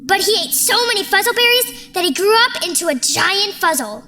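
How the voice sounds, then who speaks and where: A woman voicing a small, childlike, imaginative cartoon creature who talks in an animated, playful, dramatic way. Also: very high-pitched, fairly quick, a little hiss or hum, exaggerated voice. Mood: eager storytelling. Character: small limbless excitable imaginative kid creature, storyteller.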